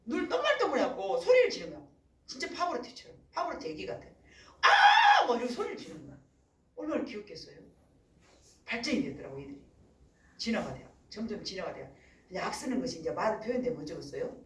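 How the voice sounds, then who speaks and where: Middle-aged woman pastor, lively pitch, acts out voices, roomy church sound from a distance. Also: quick pace. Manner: animated storytelling, acts out voices. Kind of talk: sermon.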